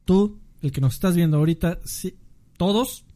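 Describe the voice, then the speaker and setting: A man's voice: high-pitched, normal speed, warm tone. A man with a Mexican accent hosting a casual podcast, talking informally and straight to viewers, with casual swearing. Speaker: podcast host reading listener greetings.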